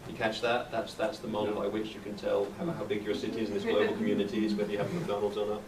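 A man with a fairly low voice talks loosely to a seminar audience, restarting his sentences. He is heard from across an echoey room with clear background noise. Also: monotone, quick pace. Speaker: seminar presenter. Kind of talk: casual lecture commentary. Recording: distant mic in an echoey room, noisy.

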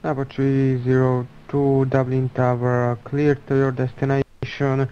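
A man's voice: medium pitch, completely flat delivery, slow, warm tone, clean tone, highs cut off. A man working as an online air traffic controller, giving clipped radio calls.

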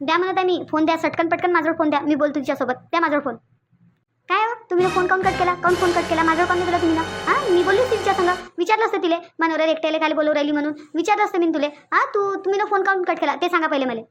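Over soft background music, a woman voices a jealous, insecure young wife in a Marathi cartoon, indignantly repeating her demands in Vidarbha (Varhadi) dialect. Her very high-pitched voice comes rapid-fire and a bit bright.

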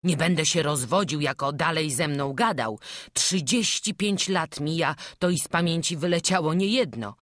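A woman's voice: sits low, moderate pace, fairly bright tone, no echo, clean studio sound. A woman narrating an audiobook, reading a historical story and giving village characters their own voices. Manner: voices village characters in old-fashioned dialogue.

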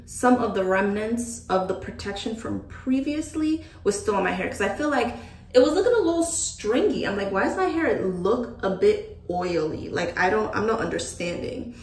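A woman's voice: medium pitch, expressive, moderate pace. Chatty woman vlogging in an echoey room. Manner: chatty, thinking out loud, joking asides. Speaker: beauty vlogger. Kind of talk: casual chat to camera. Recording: echoey room from a distant mic.

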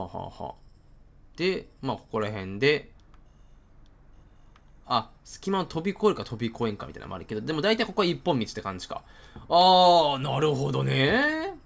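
Over game music, a gamer with a Kansai Japanese accent delivers jumpy let's-play commentary, talking to the game character and breaking into outbursts. His voice is on the high side with a sharp tone.

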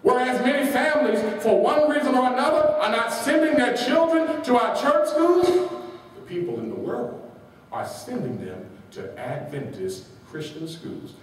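In a large church hall, a man preaches a sermon with call and response, reading quotations along with their page numbers and posing rhetorical questions that his congregation answers. His voice is extremely high and sing-song at normal speed. The recording is echoey and taken from far off.

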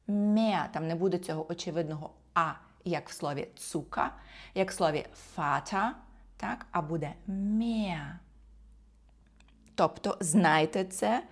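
A woman teaching German pronunciation, explaining each sound carefully and repeating every example word. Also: on the low side. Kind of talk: pronunciation lesson.

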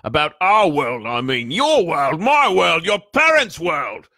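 A man voicing a huge, gruff but kindly storybook giant, with a booming growl and blunt rustic speech. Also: big pitch swings, a little fast, bright, forceful tone, dry recording, studio quality, heavily acted. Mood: incredulous.

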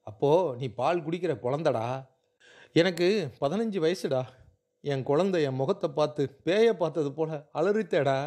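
A man's voice: on the high side, a little mellow, lightly acted. A man voicing a fierce grieving old grandmother. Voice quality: pleading, tearful. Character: grieving elderly widowed Brahmin grandmother, fierce.

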